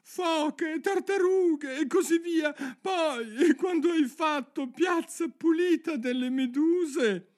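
A man voicing a sorrowful, weepy sea turtle creature in a storybook reading, with a shrill, wailing, drawn-out delivery. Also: very animated, exaggerated voice. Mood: excited.

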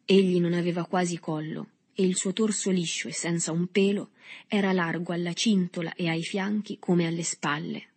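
A woman narrating a novel with a steady literary reading. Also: fairly low pitch, moderate pace, breathy edge.

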